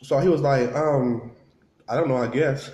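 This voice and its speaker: A vlogger with a warm, mid-range voice and fairly even intonation speaks at a moderate pace as he eats and shares a casual story. He chews between phrases, reenacts the dialogue, and repeats points for emphasis in a conversational way. The recording is roomy, with echo.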